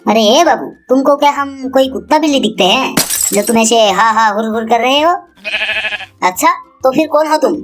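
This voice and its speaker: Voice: sits high, moderate pace, close to an everyday voice. A performer voicing a brash, bossy young married man in a cartoon, over background music.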